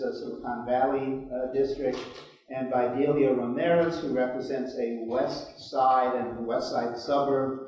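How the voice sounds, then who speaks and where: A man moderating a conference panel, pausing often with fillers, heard through a low-quality live stream recording from a hall. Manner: hesitant, many filler pauses. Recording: distant, echoey, muffled hall recording.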